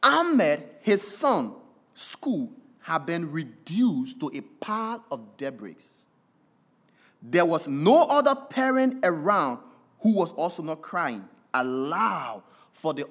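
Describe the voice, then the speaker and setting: A preacher telling a sermon illustration story with deliberate pacing and dramatic pauses, then exhorting listeners with emphatic repetition. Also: mid-range voice, very animated.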